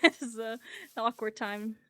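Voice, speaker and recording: A woman's voice: fairly high pitch, flat delivery, normal speed, sharp tone, dry recording. A woman chatting casually as a co-player during gameplay. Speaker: co-player in a gaming video.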